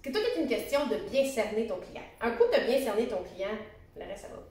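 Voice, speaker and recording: A woman's voice: on the high side, lively intonation, a little fast, a little mellow. Chatty Québécois woman in a very echoey room. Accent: Québécois French. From Quebec, Canada. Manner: chatty, colloquial. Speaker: interior designer and podcaster, interview guest. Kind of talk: casual interview chat. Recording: very echoey room, faint background noise.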